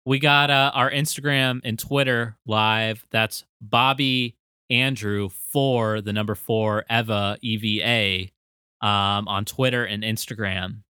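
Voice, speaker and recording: A man's voice: on the low side, fairly even intonation, takes it slowly, sharp tone, smooth, no room sound, studio quality. A man co-hosting a casual podcast chat, rambling and joking as he reads out the show's plugs. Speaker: podcast co-host.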